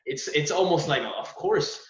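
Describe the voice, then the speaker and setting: A man's voice: fairly high pitch, expressive, a little slow, slight background noise. A man hosting a podcast, asking questions in a laid-back way and calling his guest "bro" and "dude". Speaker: podcast host. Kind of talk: casual interview chat. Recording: roomy, dull sound.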